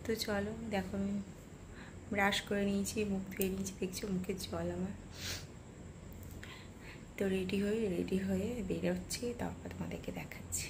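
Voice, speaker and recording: A woman with a Bengali accent talking quietly in a dark home before dawn, keeping her voice down for her casual vlog. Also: mid-range voice, expressive, fairly quick, pauses often, noisy background. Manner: hushed, half-whispered talk so as not to wake the family. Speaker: vlogger.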